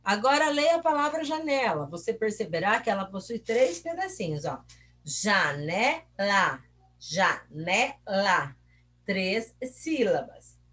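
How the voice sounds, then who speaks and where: A woman's voice: fairly high pitch, big pitch swings, normal speed. A woman teacher, giving a recorded review lesson for pupils. She asks the class questions patiently and stretches out example words syllable by syllable.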